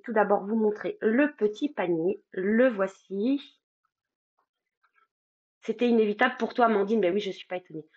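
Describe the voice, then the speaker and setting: Chatty French craft host, a woman with a husky, fairly high voice, muffled stream sound. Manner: chatty, greets viewers by name, many fillers. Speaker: craft demonstrator hosting a live stream. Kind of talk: casual live demo chat.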